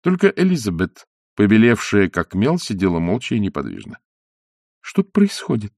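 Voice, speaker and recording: A man narrating a novel as an audiobook in a measured reading. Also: fairly low pitch, huge pitch swings, a little mellow, no room sound, clean studio sound. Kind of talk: scripted narration.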